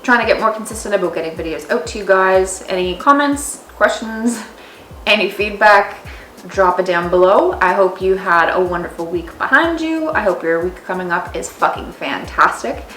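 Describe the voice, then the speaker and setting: A woman's voice: medium pitch, lively intonation, normal speed, a bit bright. A woman hosting a casual storytelling vlog, informal and sweary, playing both parts in re-enacted conversations. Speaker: video host and tradeswoman. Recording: roomy echo, faint music.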